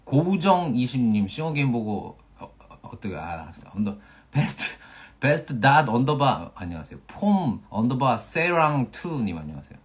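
A man's voice: mid-range voice, very animated, moderate pace. Playful young man reading usernames live. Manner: playful, stumbles over usernames and jokes about them. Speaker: actor hosting a fan livestream. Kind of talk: casual livestream chat, reading viewer usernames. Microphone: phone.

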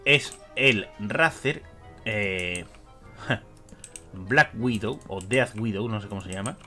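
Bright-voiced man rambling. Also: lowish voice, takes it slowly, faint music behind. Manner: rambling, self-correcting, chatty asides to viewers. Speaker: Minecraft building youtuber. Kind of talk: casual gameplay commentary.

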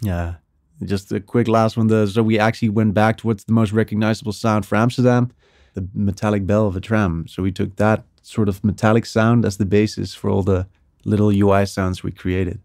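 Guy on a podcast, lowish voice, dry close sound, gets excited explaining stuff. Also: a little fast, no room sound. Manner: enthusiastic, explains with vocal sound examples. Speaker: strategy director at a music agency, podcast guest. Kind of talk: casual interview talk.

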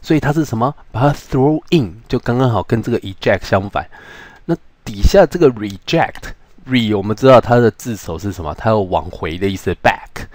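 A man with a Taiwanese Mandarin accent teaching English word roots, asking rhetorical questions and slowing down on English words. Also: on the low side, lively intonation, a little mellow, dry recording. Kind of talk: vocabulary lesson.

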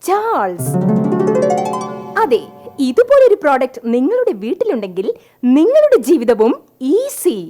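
A woman's voice: high-pitched, wildly swooping pitch, unhurried, pauses often, warm tone, faint music behind, full character voice. A woman with a Malayali accent playing a bossy wife in a stage comedy skit, announcing in a showy, salesy manner as if in an advert.

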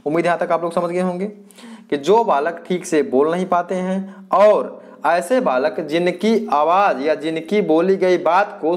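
Higher-pitched male teacher lecturing. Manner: repeats points, asks the class questions and answers them himself; hesitant, with fillers and restarts. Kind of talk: exam-prep lecture.

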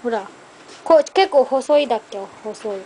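A woman's voice: a little high, lively intonation, unhurried, warm tone. A woman in a playful, teasing casual chat at home, recorded on a handheld camera. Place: home room, indoors. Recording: noisy home video.

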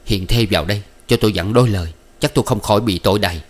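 Man's own low voice as a resigned jailed husband, calm and steady, audiobook. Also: racing, close to an everyday voice.

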